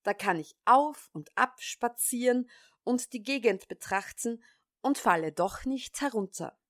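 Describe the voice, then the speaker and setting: A woman's voice: fairly high pitch, animated, unhurried, pitched above the performer's own voice. A woman voicing a tiny, cheeky thumb-sized boy in a storybook reading, pert and teasing. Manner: pert, teasing, loud shouting.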